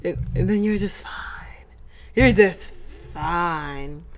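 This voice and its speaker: A speaker playing a laid-back drunk hobo with a lisp, drawling loudly in improvised character play. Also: mid-range voice, slow. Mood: carefree. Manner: loud, raised, drawling and carefree.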